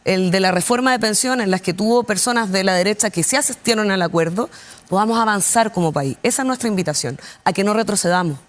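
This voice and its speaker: A woman's voice: mid-range voice, fast. A Chilean woman speaking as an opposition politician in a panel debate, explaining her points insistently.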